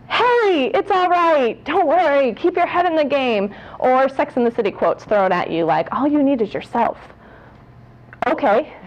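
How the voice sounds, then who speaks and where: A woman in her late twenties gives a personal talk to an audience in a fairly high voice. She is candid and pokes fun at herself, with laughs slipping in often. The sound is muffled and lo-fi. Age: 20s. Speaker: speaker at a public talk.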